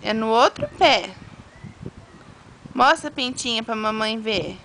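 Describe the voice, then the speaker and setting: A woman's voice: fairly high pitch, expressive, takes it slowly, a bit bright, a little hiss or hum. A woman with a Brazilian Portuguese accent, a mother using coaxing, sing-song baby talk with her toddler.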